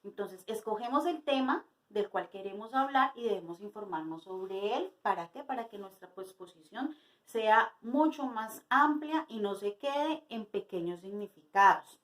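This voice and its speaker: A woman teacher giving a spoken lesson to her students, explaining slowly and asking rhetorical questions. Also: mid-range voice, lively intonation, a bit bright, poor audio.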